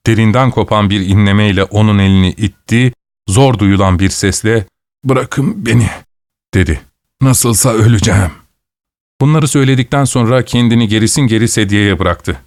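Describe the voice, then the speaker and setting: A man's voice: on the low side, smooth, no room sound. Dry-voiced male audiobook narrator. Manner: measured, literary storytelling.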